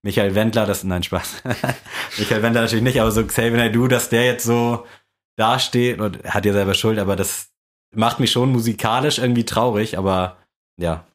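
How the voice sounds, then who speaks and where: A young man co-hosting a podcast, rambling along in relaxed, colloquial chat. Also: lowish voice, normal speed. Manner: laid-back, rambling, with colloquial slang. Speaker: podcast co-host. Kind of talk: casual chat.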